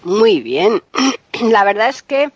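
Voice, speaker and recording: A woman's voice: medium pitch, big pitch swings, takes it slowly, breathy edge, highs cut off. A woman co-hosting a podcast, frank and teasing in casual chat. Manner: frank, teasing, likes to disagree. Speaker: podcast co-host.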